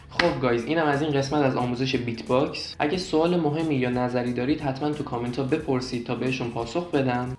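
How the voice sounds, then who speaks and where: A young man calmly explaining beatbox technique step by step, repeating points and demonstrating as he goes. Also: on the high side, echoey room. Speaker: beatbox teacher.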